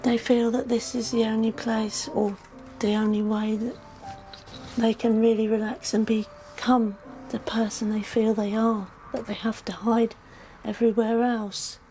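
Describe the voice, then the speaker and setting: A woman's voice: fairly high pitch, level tone, unhurried, warm tone, soft background music, rough recording. A woman running a nursery, earnestly explaining her clients in an interview.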